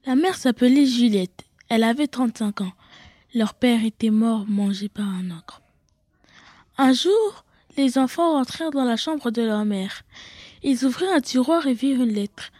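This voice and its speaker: A woman reading her own children's story aloud, with dramatic loud bursts and whispered asides. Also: fairly high pitch, expressive, normal speed, no echo, studio quality.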